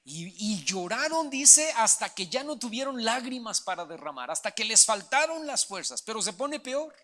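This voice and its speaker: A man's voice: sits high, sing-song, moderate pace, sharp tone. A man preaching a sermon as pastor, emphatic and direct, often calling his listeners brother. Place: church.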